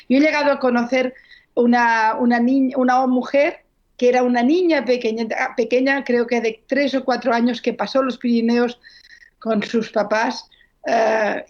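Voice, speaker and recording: A woman speaks in a slightly high voice, recounting history as an author in an interview. She talks fluently and earnestly, stopping now and then to correct herself. The recording is dull and lo-fi. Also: a little mellow. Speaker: novelist guest. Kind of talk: interview answers, storytelling.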